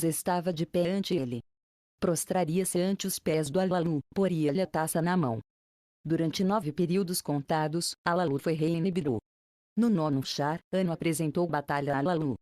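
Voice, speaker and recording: A woman narrating an ancient epic in low, mellow tones. She reads in a measured, formal manner, phrase by phrase, and the recording is dry and close. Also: no room sound. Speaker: audiobook narrator.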